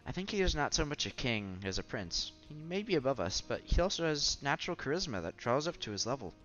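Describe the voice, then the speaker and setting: A man's voice: medium pitch, very animated, fast, a bit bright. A man reading a visual novel aloud, narrating and adding wry comments of his own. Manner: wry asides between narration. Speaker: let's play narrator. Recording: slightly dull with music behind.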